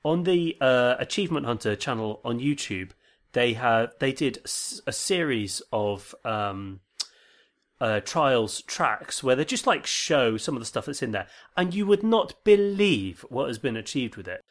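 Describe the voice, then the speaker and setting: Male podcast co-host, mid pitch, easygoing, reads aloud and chats. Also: lively intonation, measured pace. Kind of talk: casual chat and reading listener email.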